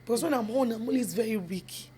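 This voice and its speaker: Speaking fast in a fairly high, mellow voice, a young Nigerian woman is heard over slight background noise. An actress and film producer with a Yoruba accent, she gives sincere interview answers, blending English and Yoruba mid-sentence and repeating key phrases.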